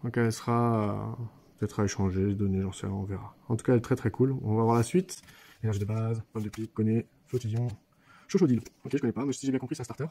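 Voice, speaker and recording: A man with an accent and a mellow, darker voice, chatting to viewers as he opens card packs. He hesitates, repeats words and stammers a little. The recording has faint background noise. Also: on the low side, steady tone, fast talker. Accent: non-standard French accent. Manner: chatty, often addresses viewers directly. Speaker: card-opening channel host. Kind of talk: casual unboxing commentary. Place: office.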